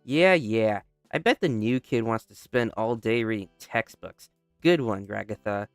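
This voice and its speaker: A man's voice: fairly low pitch, a little slow, clean tone, no room sound, faint music behind. A man voicing a cocky, mocking male rabbit classmate in a sneering, teasing tone close to his own voice.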